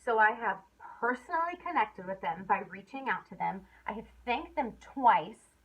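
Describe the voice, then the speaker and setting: A young woman talks through a casual sales training, filling her sentences with ums and you-knows and now and then acting out bubbly messages. Her voice sits a little high. The recording is dull and lo-fi. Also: expressive, moderate pace. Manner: chatty, filler-heavy, acts out upbeat quoted messages.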